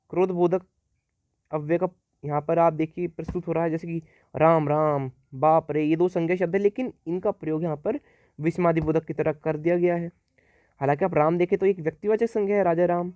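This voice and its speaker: High-voiced man teaching grammar. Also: no room sound, highs cut off. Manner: explains step by step, repeats key words, asks and answers own questions. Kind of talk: recorded grammar lesson.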